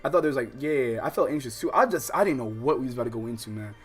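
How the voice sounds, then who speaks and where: This visual novel streamer speaks very fast in a mid-range voice while faint music plays behind him. One moment he's reading the game's lines aloud, the next he's shouting casual, slangy reactions.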